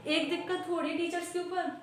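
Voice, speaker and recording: A woman's voice: flat delivery, a little fast, a little hiss or hum. A woman playing a weary female schoolteacher who chats and complains about her workload. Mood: complaining. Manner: chatty, complaining, sighs into low trailing remarks. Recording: very echoey room.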